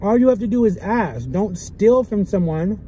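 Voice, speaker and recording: High-pitched young man, mellow tone. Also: animated, normal speed. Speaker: vlogger. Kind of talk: casual chat to camera. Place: sitting inside a car. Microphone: camera at dashboard distance. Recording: background noise inside a car.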